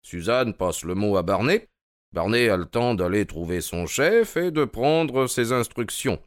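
A man reads the part of a sharp, ironic middle-aged detective in an audio drama, dry, mocking and probing. His voice is lowish and expressive, delivered unhurriedly. There is no room sound.

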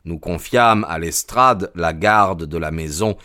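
A man narrating an audiobook in a measured, dramatic storytelling manner. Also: low-pitched, bright, forceful tone, no echo, clean studio sound.

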